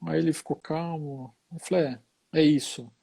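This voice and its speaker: A man's voice: on the high side, steady tone, moderate pace, vocal fry, dark tone. A middle-aged Brazilian man, a hospital chaplain, telling a story in an easygoing, casual conversation and tagging many phrases with short questions.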